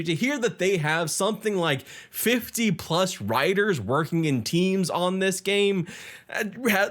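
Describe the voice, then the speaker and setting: A man's voice: a little high, fairly bright tone. A man hosting a casual gaming news video, enthusiastic with self-deprecating asides.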